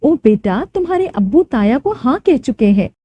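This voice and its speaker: A woman's voice: sits high, very animated, moderate pace, slightly rough, no room sound, highs cut off, exaggerated voice. A woman storyteller voicing a stern, worried middle-aged mother who scolds her daughter firmly in a storybook reading. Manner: scolding, firm.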